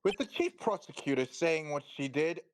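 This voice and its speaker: Burly, bossy game police chief, performed by a man, deep and gruff with lively swings, over clear noise. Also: moderate pace, natural voice. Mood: gruff, harried. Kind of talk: video game dub read aloud.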